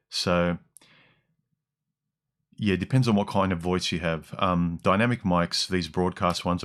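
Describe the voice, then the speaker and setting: An Australian man hosts a casual livestream, reading out comments into a dynamic broadcast mic. His voice is deep and a bit bright, with some harshness in the mids and lows, and he rambles with frequent ums and restarts.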